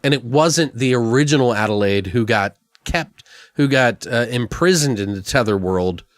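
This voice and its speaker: A man's voice: medium pitch, animated, moderate pace, no room sound. A man co-hosting a podcast, chatting loosely about a film and swearing freely. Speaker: podcast co-host. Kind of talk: casual film review chat.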